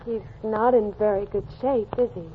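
An actress playing a sweet, brave seventeen-year-old girl in a wheelchair, speaking gently in an old-time radio drama. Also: medium pitch, fairly even intonation, normal speed, breathy edge, lightly acted. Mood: shy, gentle. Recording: muffled, narrow old radio recording.

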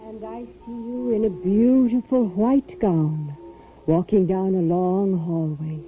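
An actress playing a fortune teller in a 1940s radio drama, intoning portentous visions as if in a trance. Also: female voice, mid-range voice, steady tone, slow, soft background music, close to an everyday voice. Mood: mystical, solemn. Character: mystical fortune teller woman in a staged trance. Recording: tinny vintage radio broadcast.

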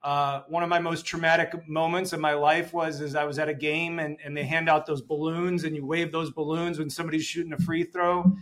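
A man from Chicago, a functional medicine doctor, chatting casually as a podcast guest and telling stories in a relaxed way with small repeats. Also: a little high, fairly quick, hardly any pauses, low-quality recording. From Chicago, United States. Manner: relaxed storyteller, repeats words. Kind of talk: casual interview chat.

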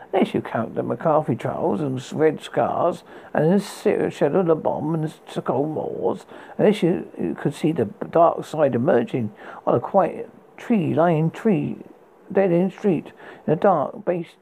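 A performer playing a spooky horror host, reading recommendations in a husky, gravelly voice with a halting, stumbling delivery. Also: medium pitch, dark tone, heavily acted, rough recording. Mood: ominous. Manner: halting read with stumbles and repeated words. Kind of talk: scripted horror book and film recommendations read as a horror host.

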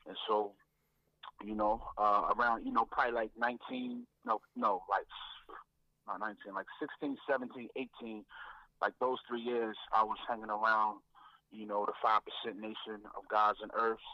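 A man, a guest rapper, telling his faith story in a reflective way, often repeating words and filling pauses. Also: on the low side, no echo, lo-fi sound.

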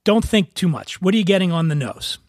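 High-pitched raspy male podcast host. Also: animated, a little fast, no echo, studio quality. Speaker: podcast host interviewing a guest. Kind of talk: casual interview chat.

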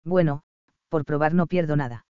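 Man voicing a homesick young woman doctor, smooth clear voice, audiobook read. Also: fairly high pitch, normal speed, no room sound, muffled recording, close to an everyday voice. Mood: unsure.

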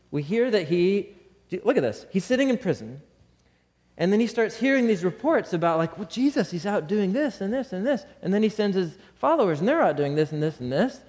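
Animated guy teaching the bible, kinda high voice, asks the audience stuff, reverby sound. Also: a little fast. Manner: animated, talks to the audience with rhetorical questions.

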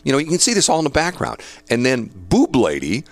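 Here a male talk show host with a medium-pitched voice speaks a little fast, his pitch swinging hugely. He reads news quotes aloud, chats, offers opinions and laughs between points in casual radio commentary, captured in a dry recording.

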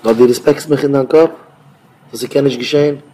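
A man, a rabbi, giving an informal Torah talk in a rambling, conversational way with sudden louder bursts. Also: medium pitch, steady tone, quick pace, slight background noise.

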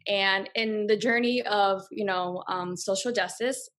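Her medium-pitched, slightly bright voice has fairly even intonation and a somewhat slow pace. She is a coffee company founder from Boston in her 30s, speaking casually and passionately as a guest and using "like" constantly.

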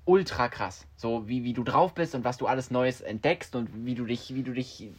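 A young adult man co-hosting a casual podcast. He talks in a relaxed, rambling way, full of little fillers and English slang, with a voice at an ordinary middle pitch. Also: moderate pace, slightly rough. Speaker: podcast co-host. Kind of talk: casual chat.

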